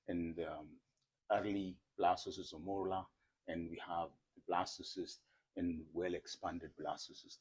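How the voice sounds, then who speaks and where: A middle-aged man from Ethiopia, a professor explaining embryo research in an interview, careful and halting with many fillers and repeated words. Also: sits low, darkish tone, slightly rough.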